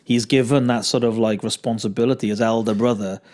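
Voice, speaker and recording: A man's voice: mid-range voice, steady tone, fairly quick, a little mellow. A man in a casual faith conversation, ending many points with tag questions. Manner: affirming, chatty, ends points with tag questions. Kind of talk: casual Bible discussion.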